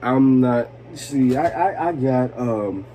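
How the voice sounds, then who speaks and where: Slow and expressive, a young man in his twenties who's tipsy from vodka vlogs a heated, cursing storytime to the camera. His medium-pitched voice sounds mellow, with a slight hiss or hum behind it.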